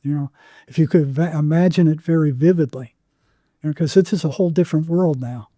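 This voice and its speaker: A dry, close-miked recording catches an older psychotherapist guest telling stories in an interview. He halts, repeats himself, and acts out exchanges he remembers, his slightly high voice staying very mellow and muted.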